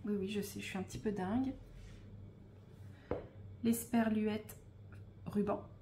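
A woman hosting a casual unboxing of craft supplies, speaking in a relaxed, hesitant way with frequent fillers and soft asides. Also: mid-range voice, measured pace, background noise. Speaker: scrapbooking shop host.

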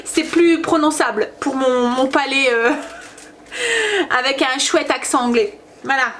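A woman's voice: high-pitched, lively intonation, measured pace, a bit bright, a little hiss or hum. A woman, a mother and family vlogger, chatting casually to camera from her home kitchen in a rambling way, full of hesitations.

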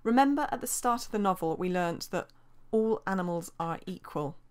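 A woman gives a revision lesson in a steady, explanatory voice-over. Her pitch sits in the middle range for a woman, and she reads quotations aloud between her points. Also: normal speed, clear, resonant tone. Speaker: teacher.

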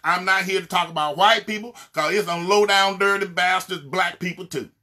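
Male evangelist, Mississippi Southern accent, tense and forceful tone, raised pitch, fiery and blunt delivery. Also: normal speed, faint music behind. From Mississippi, USA. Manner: fiery, blunt, emphatic, repeating refrains. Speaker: evangelist minister. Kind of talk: impassioned social media sermon.

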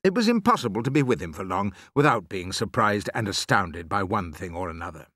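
A man narrating a children's novel in the first person, with expressive storytelling. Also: sits low, a little fast, dry recording, clean studio sound. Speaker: audiobook reader.

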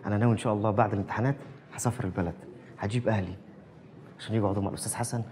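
An actor playing an earnest young university student with an Egyptian accent in a TV drama. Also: male voice, fairly low pitch, steady tone, rapid-fire, background noise, natural voice. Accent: Egyptian Arabic. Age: young adult.

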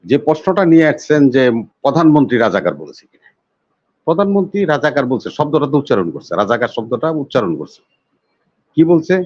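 A man's voice: medium pitch, very animated, quick pace, a little mellow, highs cut off. A man, a talk show panelist in a heated debate who talks over others and repeats himself insistently.

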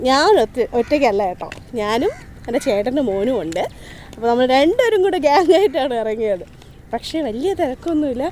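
High voiced woman, chatty walking vlog, repeats herself, bit of street noise behind. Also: darkish tone. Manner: repeats herself, addresses viewers directly. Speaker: vlogger. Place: outdoors on a seaside roadside. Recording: outdoor street ambience and traffic noise.

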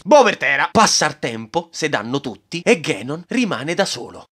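A man with a Roman accent narrating a comedic anime recap, sarcastic and excitable, with swearing, over loud music. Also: fairly high pitch, normal speed.

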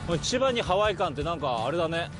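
A man's voice: a little high, big pitch swings, fast, music in the background. A young man chatting casually on a travel show in a playful, exclamatory, slangy way.

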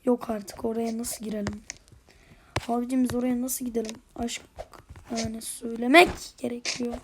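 High-pitched excitable young woman gamer. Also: normal speed, a little hiss or hum. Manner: chatty, excitable, often mutters and whispers to herself. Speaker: gaming channel host. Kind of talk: casual gameplay commentary.

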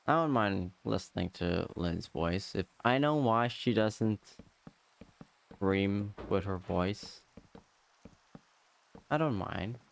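A man chatting casually and playfully as he livestreams a game, rambling in halting bits and repeating his phrases. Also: on the low side, creaky, a little hiss or hum. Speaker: livestreamer, VTuber. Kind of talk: casual livestream chat while playing a block-building game.

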